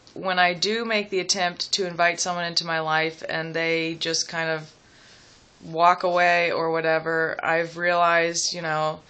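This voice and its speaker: Bright-voiced young woman, slow and reflective. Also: on the low side. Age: young adult. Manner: hesitant, reflective, thinking aloud with pauses. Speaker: vlogger. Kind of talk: casual, rambling personal chat to camera. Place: small room at home, seated indoors.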